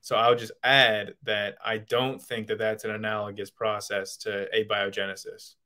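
A man's voice: on the low side, level tone, moderate pace, sharp tone. A male guest in a casual call-in debate, explaining his views with lots of hedging and restarts.

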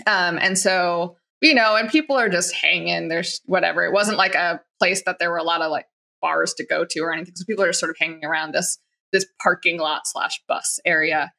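A woman's voice: on the low side, steady tone, brisk, creaky, sharp tone. A woman in conversation giving advice on handling workplace situations, talking casually with many fillers and acting out the lines people might say. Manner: chatty, many "like" fillers, acts out quoted lines. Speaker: guest expert on workplace conduct.

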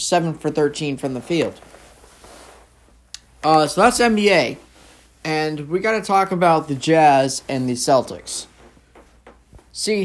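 A young man casually recapping basketball games as a host, rambling with lots of fillers and self-corrections. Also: a little high. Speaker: sports show host.

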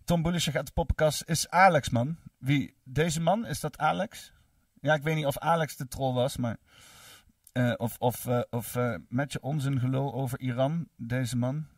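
A man's voice: mid-range voice, moderate pace, no echo, studio quality, far from the mic. A man hosting a livestream, reading and answering chat in a rambling, cursing way full of fillers. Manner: rambling, profane, many fillers.

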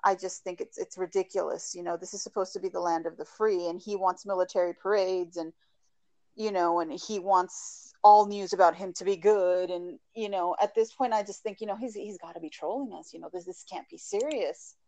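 A woman's voice: fairly low pitch, steady tone, brisk, darkish tone, no echo. A woman interviewing a guest, speaking frankly with wry, opinionated remarks. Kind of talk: conversational interview.

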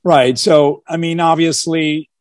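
A man's voice: on the high side, steady tone, slow, no echo, studio quality. A man from Portugal talking about his life as a guest on a video call, earnest, with many fillers and repeated starts. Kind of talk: casual interview talk.

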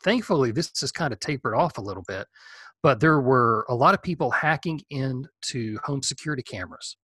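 A man speaks as a guest expert, laying out practical home security tips in a relaxed, explanatory way. His voice is recorded close and dry, with no room sound. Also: mid-range voice, a little fast, breathy edge, no echo. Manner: practical, explanatory, thinking aloud. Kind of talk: casual advice in an interview.

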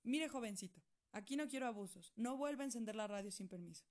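A woman's voice: fairly high pitch, expressive, fast talker, darkish tone, close to an everyday voice. A woman voicing a strict, authoritarian middle-aged doctor uncle in a storybook reading, formal and scolding. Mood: stern.

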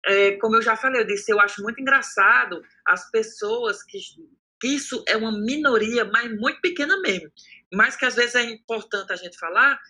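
A man's voice: sits high, moderate pace, pushed and bright, breathy edge. An adult man from the Cariri region of Brazil with a Northeastern Ceará accent, talking in an outspoken, emphatic podcast chat and acting out quoted dialogue. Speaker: content creator, podcast guest.

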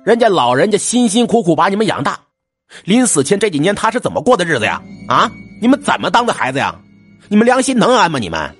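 A man voicing a sly male exorcist who scolds loudly and theatrically. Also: mid-range voice, expressive, normal speed, long pauses, faint music behind, natural voice. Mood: scolding. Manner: loud, indignant scolding.

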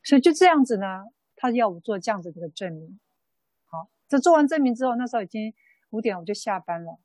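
A Buddhist nun giving a dharma talk in an unhurried storytelling way, full of soft fillers. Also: female voice, mid-range voice, no echo, poor audio. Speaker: Buddhist nun teaching a sutra class.

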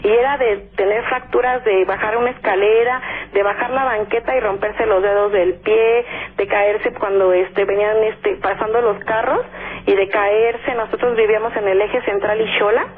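A woman with a Mexican accent, calling in to a radio show to tell a ghost story. She talks as a lively storyteller who acts out other people's lines, with frequent "este" fillers. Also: mid-range voice, moderate pace, breathy edge. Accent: Mexican Spanish. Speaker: radio caller. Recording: tinny phone line.

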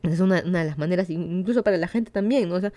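A woman's voice: fairly low pitch, very fast, warm tone, no room sound. A woman from Peru with a Peruvian Spanish accent, hosting a casual solo podcast in a chatty, opinionated way with many fillers and restarts. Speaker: podcast host.

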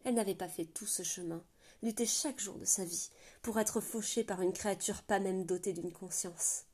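Audiobook narrator, woman, mellow and dark in tone, steady fantasy storytelling with occasional restarts. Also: medium pitch, moderate pace, slightly rough. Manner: steady, with small slips and restarts.

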